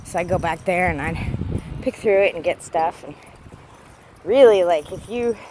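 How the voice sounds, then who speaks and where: Walking through a cemetery outdoors, a woman records a casual vlog in which she rants heatedly and swears a lot. Her voice is lowish and darkish in tone, her speed is normal, and there's slight background noise.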